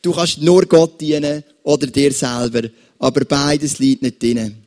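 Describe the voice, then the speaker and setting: A man with a Swiss German accent, preaching a sermon as pastor and addressing his listeners with lively examples. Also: a little high, a little slow.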